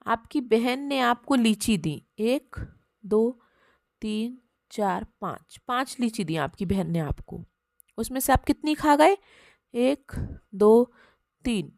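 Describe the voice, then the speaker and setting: Woman teacher, higher voice, counting aloud slowly for kids, dry close sound. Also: a little mellow, no echo. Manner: patient, addresses children as "beta", counts aloud slowly. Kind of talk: primary maths lesson for children.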